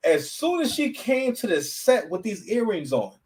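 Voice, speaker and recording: A man hosting a podcast, reacting to clips in a rambling, mocking, animated way. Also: high-pitched, normal speed, far from the mic, rough recording. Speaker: podcast host. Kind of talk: casual reaction commentary.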